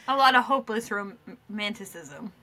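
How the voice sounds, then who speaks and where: A woman's voice: mid-range voice, normal speed, sharp tone, a little hiss or hum. A woman co-hosting a podcast, chiming in with teasing, playful remarks in casual chat. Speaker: podcast co-host.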